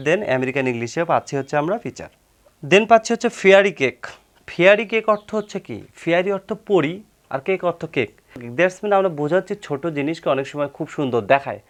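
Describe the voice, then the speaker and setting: A man explaining vocabulary as a teacher, repeating words and leaning on the filler "হচ্ছে". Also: on the high side. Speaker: English teacher.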